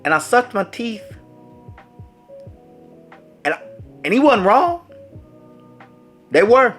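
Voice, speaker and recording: A storyteller vlogger with a high-sitting voice talks slowly as he tells a dramatic sports story to his viewers. His casual storytime delivery is animated and addressed straight to the audience, with faint music playing in the background.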